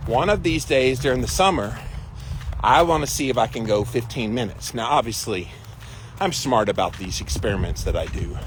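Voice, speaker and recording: A man's voice: medium pitch, noisy background. A man hosting a casual livestream, explaining and coaching in an emphatic way, drawing out key words. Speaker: livestream host.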